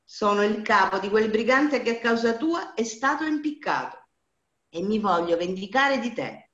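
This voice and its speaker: Woman playing a brutal brigand captain, man, loud and raised, barking commands; storybook reading, lo-fi room sound. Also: a little high, very animated, normal speed, pitched above the performer's own voice. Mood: furious. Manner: shouting harsh orders. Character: brutal male brigand chief, vengeful. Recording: dull lo-fi roomy recording.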